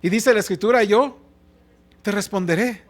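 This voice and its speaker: High-voiced Mexican pastor preaching passionately. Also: male voice, normal speed. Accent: Mexican Spanish. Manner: impassioned preaching, shifts between loud exhortation and soft asides. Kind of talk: sermon. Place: church.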